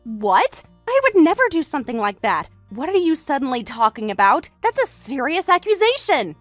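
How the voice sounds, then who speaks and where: Composed older sister in her late thirties, woman actor, calm and firm, close dry read, text-story drama. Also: sits high, normal speed, no room sound, soft background music. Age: late 30s. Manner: calm, reasoning, firm when pushed. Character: composed older sister, single, near forty. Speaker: character in a voiced text story. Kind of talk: voice acting for a text-message story.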